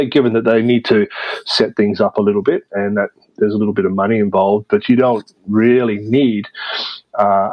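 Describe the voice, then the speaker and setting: A man answering interview questions in a measured way, with many fillers and restarts. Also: on the low side, no room sound, highs cut off. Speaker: interview guest, media producer. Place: based in Vietnam.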